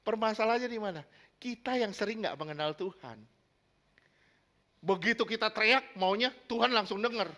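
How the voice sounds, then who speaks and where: Bright, high-voiced man preaching. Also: moderate pace. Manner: emphatic, asks the congregation questions, acts out little scenes. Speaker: pastor. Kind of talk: sermon.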